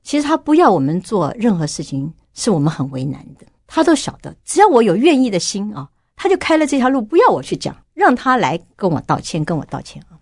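A woman's voice: mid-range voice, very animated, slightly rough, no echo, studio quality. A middle-aged woman earnestly telling her personal faith testimony as a radio guest. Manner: quick, earnest storytelling.

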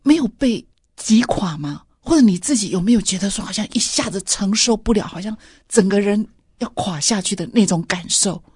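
A woman interviewer with a slightly husky voice gently draws out her guest's story through follow-up questions. The sound is dry and close, with no room echo. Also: mid-range voice, expressive, a little fast.

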